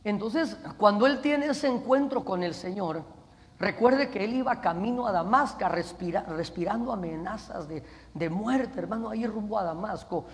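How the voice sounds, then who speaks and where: A man's voice: high-pitched, moderate pace. A male pastor preaching a sermon, often calling his listeners "brother" and putting questions to the congregation. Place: church camp meeting hall. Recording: long hall reverb.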